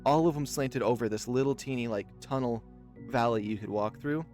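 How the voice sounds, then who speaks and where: A man from Oregon speaks briskly in a dark, mid-range voice while hosting a visual novel let's play. Soft background music accompanies his casual, rambling anecdotes, thick with fillers.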